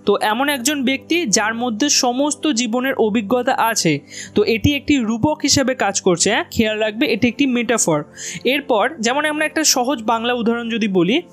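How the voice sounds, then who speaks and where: Woman teacher from west bengal, exam prep lesson, explains step by step, talks right to the students, soft music underneath. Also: on the high side. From West Bengal, India. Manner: patient, explanatory, addresses students directly; reads quoted English lines slowly and deliberately.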